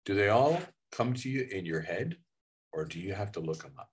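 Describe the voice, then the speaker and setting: Male host, low-pitched, brief questions to guests. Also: very animated, moderate pace, breathy edge. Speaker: interviewer host. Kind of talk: interview hosting.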